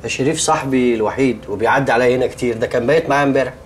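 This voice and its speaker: A man's voice: mid-range voice, rapid-fire, slight background noise, close to an everyday voice. An actor in a comedy series playing a flustered young man with an Egyptian accent who grows exasperated. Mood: calm, polite. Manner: exasperated, rising to shouts. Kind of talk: sitcom acting.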